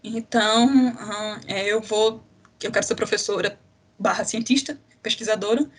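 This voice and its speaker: A woman's voice: mid-range voice, steady tone, normal speed, slightly rough. A woman in her twenties with a Brazilian accent from Recife, giving chatty advice as an interview guest and mixing in English terms. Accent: Brazilian Portuguese, from Recife. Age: 20s. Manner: chatty, restarts sentences, mixes in English terms. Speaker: interview guest, doctoral student.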